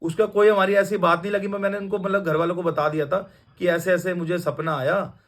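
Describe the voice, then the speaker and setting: A young man recounts a personal story in a loose, rambling way, stopping and restarting often. His voice sits a little higher than most men's. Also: fairly even intonation, brisk. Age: young adult. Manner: rambling, with many restarts and fillers. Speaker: devotee sharing a testimony. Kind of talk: casual storytelling testimony.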